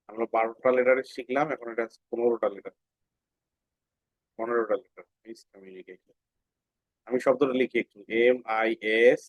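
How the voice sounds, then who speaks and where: A man's voice: medium pitch, no room sound. Patient man teaching a classroom phonics lesson. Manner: patient, asks questions then answers them, repeats words slowly. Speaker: English teacher. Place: classroom with students. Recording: dull, dry lo-fi sound.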